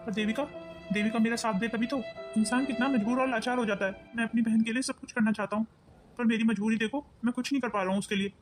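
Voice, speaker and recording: A protective, kind-hearted cartoon grandfather, played by a woman. He talks fast and firmly in a raised, higher voice, with clear music in the background. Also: close to an everyday voice. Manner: firm, earnest. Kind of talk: cartoon voice acting.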